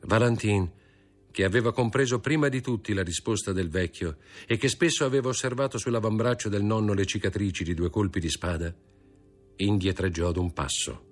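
A man narrating a classic novel as an audiobook, with a measured, expressive reading. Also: fairly low pitch, soft background music.

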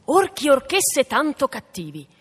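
A woman's voice: sits high, big pitch swings, normal speed. A woman radio host comments on a fairy tale in a reflective, explanatory way, recorded in a reverberant hall.

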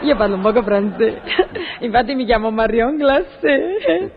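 A man's voice: extremely high pitch, animated, unhurried, full character voice. A man playing a vain, boastful singer woman who sprinkles mock-French phrases into her talk, in an old radio comedy sketch. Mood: pompous. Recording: dull lo-fi old radio recording.

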